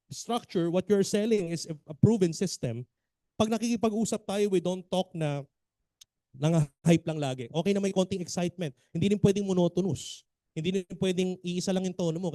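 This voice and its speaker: A man's voice: sits high, no echo. A man with a Filipino accent giving an emphatic seminar lecture as a business trainer, often checking in with his audience. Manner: animated, emphatic, quizzes the audience.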